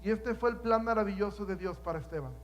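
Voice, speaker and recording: A man preaching a sermon, swinging from hushed, low passages to loud, climbing ones and pressing the listeners with rhetorical questions. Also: fast talker, rough recording.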